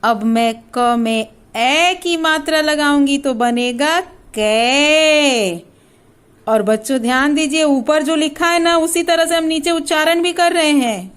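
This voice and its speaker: A woman teacher with a Bihari Hindi accent gives a primary school lesson on the Hindi alphabet. She sounds out each letter slowly and asks the children questions, then answers them herself. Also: high-pitched, fairly bright tone. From India.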